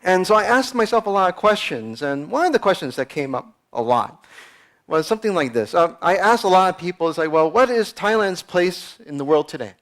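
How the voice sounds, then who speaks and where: An American startup founder gives a conversational conference talk, repeating words and acting out quoted voices. His high, slightly bright voice swings widely in pitch, and he speaks briskly.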